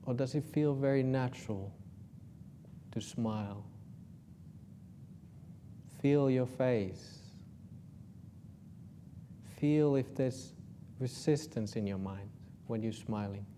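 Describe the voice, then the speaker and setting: Speaking with a Finnish accent in a mid-range voice, a Buddhist monk from Finland leads a guided meditation. He keeps it informal and lightly humorous, offering soft, slow prompts, while a little hiss or hum is audible.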